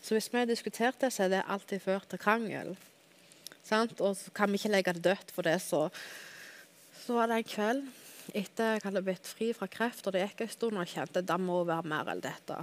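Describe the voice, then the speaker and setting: A woman guest telling a personal faith testimony in a candid, earnest way, often checking in with the host. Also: mid-range voice. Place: television studio.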